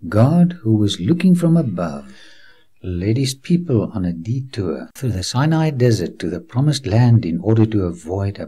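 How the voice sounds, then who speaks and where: Presenting a documentary in scripted narration, this man has a lowish, mellow, husky voice. He breaks off to preach, speaking directly to the viewer like a friend in an earnest, reassuring way. He leads the viewer around on location much like a tour guide.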